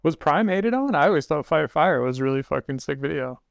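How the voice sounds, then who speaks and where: A man hosts a podcast in a laid-back, reflective way with dry understatement. His voice is smooth and clear, recorded close and dry. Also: a little high, animated, brisk, dry recording. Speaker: podcast host. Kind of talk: casual podcast chat.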